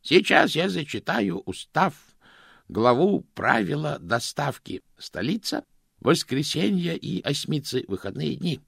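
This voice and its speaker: A very old postman, weary and fussy, hedging his answers with patient hesitations, as a man puts him on. His voice is gravelly and husky, with lively rises and falls, recorded dry and close. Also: on the high side, measured pace, no echo, voice pushed up, exaggerated voice. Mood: reciting. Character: very old male junior postman, weary and evasive.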